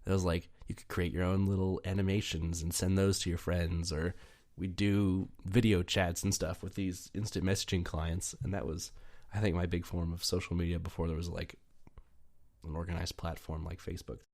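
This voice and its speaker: A man's voice: low voice, level tone, moderate pace, a little mellow. A young man co-hosting a podcast, chatting casually in a rambling way with frequent fillers and laughs. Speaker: podcast co-host. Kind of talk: casual chat.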